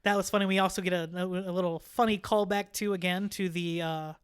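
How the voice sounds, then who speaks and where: A man's voice: sits high, steady tone, a little fast, smooth. A man hosting a casual movie review podcast, chatting loosely and restarting his sentences often. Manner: chatty, retells scenes with frequent restarts. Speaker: podcast host. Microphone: podcast microphone.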